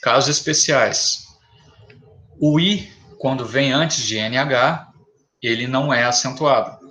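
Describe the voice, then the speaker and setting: A man gives a grammar lesson at a slow, deliberate pace. He sets out examples one word at a time, in a voice of ordinary middle pitch. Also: sharp tone. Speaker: teacher.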